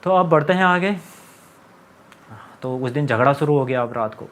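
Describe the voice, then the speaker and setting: A man's voice: mid-range voice, normal speed, fairly bright tone. A young man telling his own story in a casual monologue, agitated and complaining, acting out what others said. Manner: agitated, complaining, acts out quoted lines.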